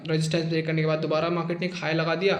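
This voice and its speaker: Brief: high-pitched male trading tutor, chatty and teasing, heard in an echoey room. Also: completely flat delivery, racing. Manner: chatty, constantly checks in with "okay" and calls listeners "brother"; jokey, teasing about losing traders. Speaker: trading instructor. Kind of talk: casual screen-share chart lesson.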